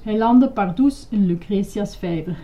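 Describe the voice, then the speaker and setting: A woman lively and expressive as she reads a children's story aloud. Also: mid-range voice, unhurried.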